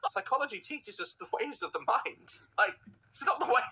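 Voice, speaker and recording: A woman's voice: fairly high pitch, animated, fairly quick, sharp tone, breathy edge, low-quality recording. A woman hosting a casual reaction video, blunt and swearing freely, laughing often at what she watches.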